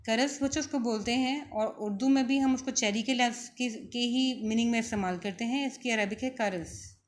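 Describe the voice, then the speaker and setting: Her voice on the high side, a woman with a Pakistani Urdu accent leads students through vocabulary, slowly repeating every word.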